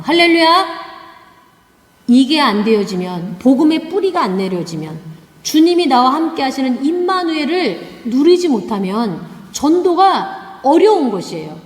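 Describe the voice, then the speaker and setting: A woman's voice: high voice, darkish tone. A woman preaching a sermon, emphatic, often asking rhetorical questions. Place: church sanctuary. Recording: echoey church hall.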